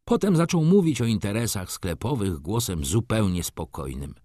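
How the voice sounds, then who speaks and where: A man reads a novel aloud in the first person, giving the story lively, expressive emphasis. His voice is on the low side but rises and falls widely. The recording is dry and close. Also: moderate pace, no echo. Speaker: audiobook narrator.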